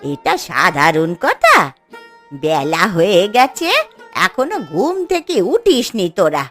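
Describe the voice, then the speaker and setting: A woman's voice: fairly low pitch, huge pitch swings, slow, fairly bright tone, soft background music, heavily acted. A woman voicing a stern, fretting old grandmother in a cartoon, scolding and grumbling in a weary way. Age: older. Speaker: voice actor. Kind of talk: cartoon voice acting.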